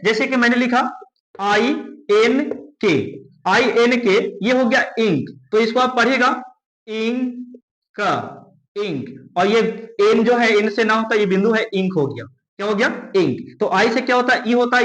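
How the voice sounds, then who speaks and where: A man with a very high voice teaches English letter sounds step by step, asking a question and then answering it himself. He says each example word slowly, again and again. The sound has the echo of a bare room. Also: a bit bright. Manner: repeats words slowly, asks and answers his own questions. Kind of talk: classroom-style phonics lesson.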